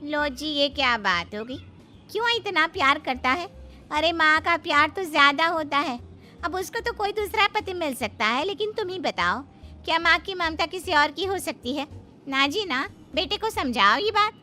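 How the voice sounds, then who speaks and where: A woman's voice: sits high, lively intonation, moderate pace, sharp tone, faint music behind. A woman voicing a scheming, spiteful older female friend in a cartoon story, with a gloating, conspiratorial manner. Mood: gossipy. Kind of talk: cartoon voice acting.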